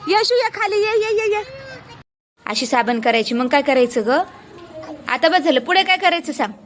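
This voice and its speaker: A woman's voice: sits high, lively intonation, moderate pace, a faint crowd, slight background noise. A young woman, a mother filming her small children, coaxing them with playful, repeated questions in a casual family vlog.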